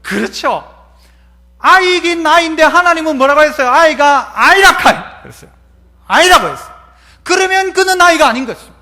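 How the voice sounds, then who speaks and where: A man's voice: very high-pitched, lively intonation, fairly quick, long pauses, pushed and bright. A male pastor, preaching a sermon and asking the congregation question after question. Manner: acts out quoted voices. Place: church sanctuary.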